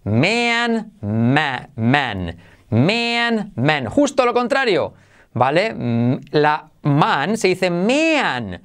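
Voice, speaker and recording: A lively English lesson led by a man. He speaks slowly and carefully, with a voice that leaps up and down in pitch, and slips into snatches of song to drill words. His voice sits a little on the high side for a man. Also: clean tone. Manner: animated, switching between Spanish and English, sings snatches of songs. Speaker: English teacher.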